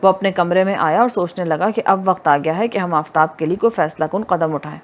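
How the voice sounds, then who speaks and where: Woman reading an audio novel. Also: on the low side. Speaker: audiobook reader.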